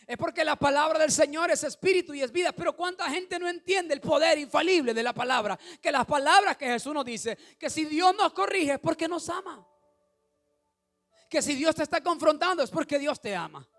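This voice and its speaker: A male pastor, preaching an animated sermon that rises to shouts and puts questions to the congregation. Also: extremely high pitch, a little fast, soft background music.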